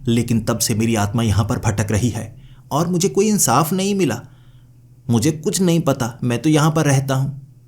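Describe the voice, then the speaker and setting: A man's voice: medium pitch, darkish tone, close to an everyday voice. A man voicing the ghost of a murdered male police inspector, stern and aggrieved, in a dramatic horror story.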